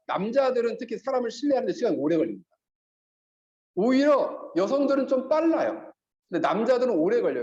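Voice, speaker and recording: A man preaching a sermon as pastor, animated and acting out quoted speech. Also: sits high. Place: church sanctuary. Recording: echoey, slightly dull church recording.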